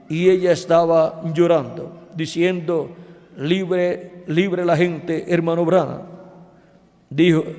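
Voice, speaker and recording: A male preacher retelling a dream account in a sermon, halting and correcting himself as he goes. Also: fairly high pitch, darkish tone. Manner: halting, with restarts and self-corrections. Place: church hall. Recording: long reverb of a large hall.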